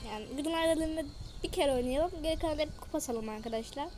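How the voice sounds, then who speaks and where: A woman's voice: high-pitched, fast. A young woman giving casual gameplay commentary, often exasperated and complaining to her viewers. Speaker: gaming channel host. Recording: loud game music behind the voice.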